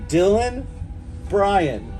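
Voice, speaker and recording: A man speaks in a high voice that moves around a lot in pitch. He is a guest in a casual chat and keeps his replies short and clipped. Loud music plays over him. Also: big pitch swings, extremely slow. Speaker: interview guest and game contestant.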